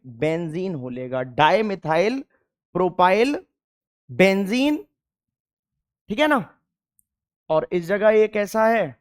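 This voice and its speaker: A male chemistry teacher lecturing a class, asking questions and answering them himself, and repeating key terms slowly. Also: high voice, clear, resonant tone.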